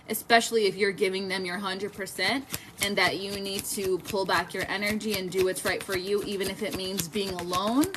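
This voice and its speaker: A woman's voice: medium pitch, noisy background. A woman in her twenties giving a casual, chatty tarot reading on a live stream, swearing freely and talking to her viewers. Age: 20s. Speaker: tarot reader.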